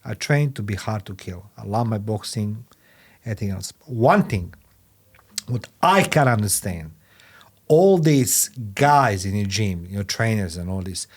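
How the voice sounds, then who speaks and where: A man in his fifties hosting a podcast interview, rambling and repeating himself, turning loud and emphatic when he makes a point. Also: fairly low pitch, animated, unhurried. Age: 50s. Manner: rambling, repeats "you know what I mean", non-native phrasing. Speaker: podcast host. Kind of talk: conversational interview.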